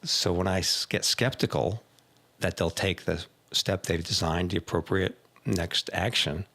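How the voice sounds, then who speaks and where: A middle-aged man, an executive coach hosting a casual talk, who tells animated stories and acts out his clients' voices. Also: low-pitched, measured pace, vocal fry. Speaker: executive coach, podcast host. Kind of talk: casual conversation.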